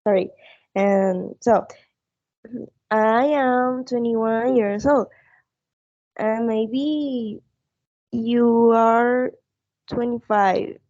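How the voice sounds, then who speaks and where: Slow hesitant woman. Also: on the high side, steady tone, darkish tone, no echo, lo-fi sound. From Colombia. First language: Spanish. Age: 20s. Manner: slow, hesitant, searching for words. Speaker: language student. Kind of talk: English speaking practice in class.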